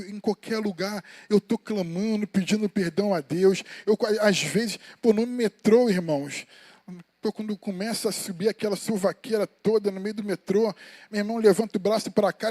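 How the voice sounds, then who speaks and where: A man's voice: high voice, a little mellow, no room sound. A Brazilian man preaching an informal sermon in a church, telling personal stories in a colloquial way and calling the listeners brothers. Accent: Brazilian Portuguese. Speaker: evangelist preaching. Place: church sanctuary.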